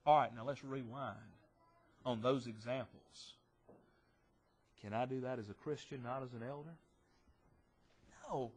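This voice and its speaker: A man preaching a sermon in church, stressing phrases loudly and dropping to quiet asides, asking rhetorical questions and answering them himself. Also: mid-range voice, unhurried, long pauses, breathy edge.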